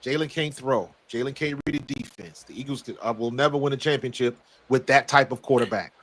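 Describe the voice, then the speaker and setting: An American man with a hoarse, worn-out voice talks sports casually as a guest analyst, emphatic and blunt. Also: mid-range voice, fairly quick, fairly bright tone, rough recording. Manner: emphatic, blunt, repeats words. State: hoarse, very little voice left. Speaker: guest football analyst, former pro player.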